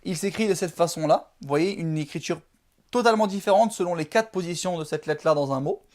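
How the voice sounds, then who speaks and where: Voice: medium pitch, a little fast, darkish tone. A teacher giving a video lesson, speaking patiently, drilling syllables one by one and checking in with the viewer often. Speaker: Arabic alphabet teacher.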